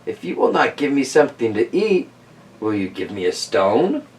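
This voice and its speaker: Man playing a hungry, cunning young traveller, lively intonation. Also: mid-range voice, moderate pace, far from the mic, natural voice. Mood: insistent.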